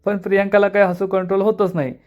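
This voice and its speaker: A man narrating a television episode recap in a steady, flowing way. His voice sits a little higher than most men's. The delivery stays even and storytelling-like throughout. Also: fast talker.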